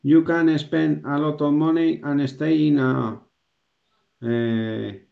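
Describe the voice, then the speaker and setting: A man reading sentences aloud as a student, slowly and carefully repeating words after the teacher. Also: fairly high pitch, steady tone, creaky. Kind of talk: reading English aloud in a lesson. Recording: dull echoey lo-fi sound.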